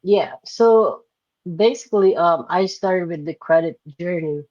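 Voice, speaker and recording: A young man from the Philippines, a guest entrepreneur, answers interview questions casually, explaining loosely with lots of fillers, frequent "like" and checks of "right?". His voice is high-pitched and darkish, unhurried, with no echo and dull audio.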